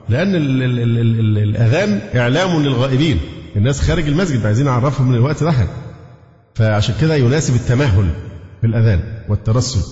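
A man's voice: medium pitch, darkish tone. A man with an Egyptian accent teaching a religious lesson. He explains step by step, asks the class questions and demonstrates recitations. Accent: Egyptian Arabic. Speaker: Islamic scholar teaching. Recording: echoey lo-fi hall recording.

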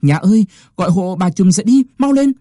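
A man's voice: mid-range voice, fairly quick, warm tone, dry recording, clean studio sound, close to an everyday voice. A man voicing a young peasant wife in painful childbirth, wailing and pleading in a strained voice.

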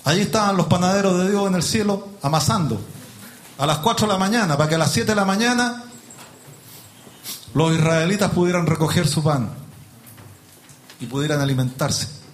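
A man's voice: high-pitched, normal speed, long pauses. A male pastor preaching a sermon in a church, reading scripture and asking the congregation rhetorical questions. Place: church with pews.

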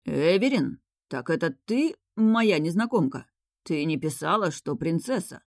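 A woman voicing a flustered, smitten male king who speaks haltingly and hoarsely in an audiobook. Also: lowish voice, big pitch swings, darkish tone, no echo, studio quality, heavily acted.

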